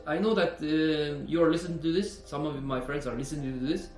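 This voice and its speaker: A man's voice: a little high, brisk, a little mellow, echoey room, soft background music. A man, a personal trainer talking earnestly in a fitness vlog, repeating himself and saying "you know" often. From Norway. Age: 20s.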